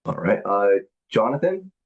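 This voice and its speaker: Over dull, lo-fi conference-call audio, a man hosts a business presentation and Q&A on a group call, explaining membership benefits and fielding questions. His voice sits on the low side with big pitch swings and a measured pace, and he rambles, using plenty of fillers and repeated words.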